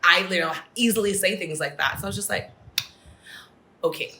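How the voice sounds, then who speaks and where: A woman's voice: on the low side, fairly quick. A young woman, telling stories in a casual chat at home. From Singapore and the US. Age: young adult. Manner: animated storytelling. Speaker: guest. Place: home dining room.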